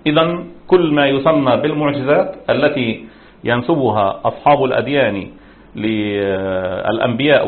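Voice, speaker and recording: A man teaching as a religious scholar in formal standard Arabic, lecturing in a didactic, explanatory manner. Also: mid-range voice. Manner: didactic, explanatory, with rhetorical questions. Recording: muffled, narrow phone-like sound.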